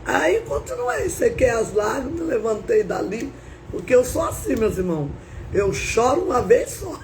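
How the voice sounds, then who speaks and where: A woman's voice: a little high, sing-song, moderate pace, darkish tone, a little hiss or hum, low-quality recording. A woman preacher telling her testimony in an emotional, dramatic way, often breaking in with praise to God. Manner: dramatic, repeats praise phrases. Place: live stream.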